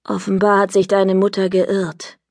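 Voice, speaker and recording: Woman voicing a gentle serious father for a kids' story, lowered and hushed, dry booth sound. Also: completely flat delivery, measured pace, no room sound. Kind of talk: children's audiobook reading.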